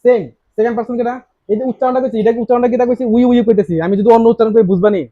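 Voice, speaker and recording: High-voiced male grammar teacher. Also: steady tone, very fast, dry recording. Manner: asks students many rhetorical questions; repeats key words. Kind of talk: classroom grammar lesson. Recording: dry, slightly dull lo-fi sound.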